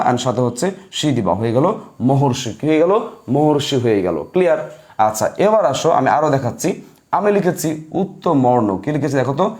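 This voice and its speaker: A man's voice: mid-range voice, darkish tone. A man teaching an online grammar lesson, repeating each point and quizzing his students.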